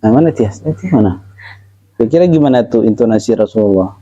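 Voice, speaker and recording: A man teaching a religious study class, reciting Arabic phrases slowly and then translating and explaining them. He talks casually to his students and calls on them by name. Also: fairly low pitch, animated, warm tone, dry recording. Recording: slightly dull, dry, lo-fi recording.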